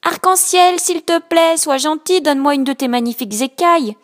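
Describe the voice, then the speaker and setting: A woman voicing a timid little blue fish who begs eagerly in a high, bright voice. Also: moderate pace, lightly acted. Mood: pleading.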